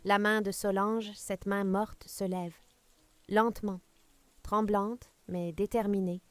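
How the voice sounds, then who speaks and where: A woman's voice: medium pitch, no room sound. A woman narrating a scripted dramatic story with suspenseful pacing.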